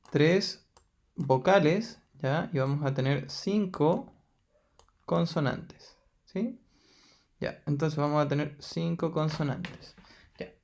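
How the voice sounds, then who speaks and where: A Chilean man giving a recorded math lesson, his voice a touch high and gravelly. He works through each step slowly and patiently, counting out loud and checking that his students follow. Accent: Chilean Spanish. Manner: patient, steps through counting aloud with frequent "ya". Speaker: math teacher. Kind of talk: recorded lesson explaining exercises.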